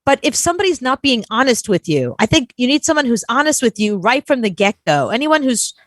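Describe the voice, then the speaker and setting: A woman's voice: on the high side, a little fast, no echo. Female cohost, blunt and bouncy, dry close sound. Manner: blunt, animated, laughing. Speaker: radio co-host. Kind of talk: casual chat.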